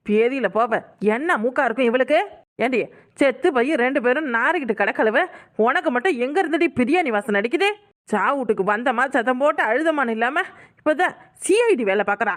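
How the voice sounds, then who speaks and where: A woman voicing a sharp-tongued young village wife. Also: high-pitched, lively intonation, a little fast. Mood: scornful. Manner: gossipy and cutting. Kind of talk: cartoon voice acting.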